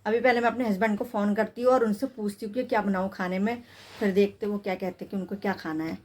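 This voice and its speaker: Doing chores in her home kitchen, a young mother chats to the camera about her day and her small son. Her mid-range voice is steady in tone, slightly mellow, and fast.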